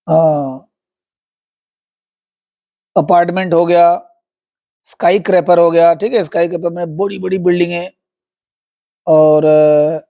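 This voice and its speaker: A man with a high, mellow voice gives a Hindi-medium English lesson built around a story. He explains each word and its meaning, repeats himself, and addresses viewers as friends.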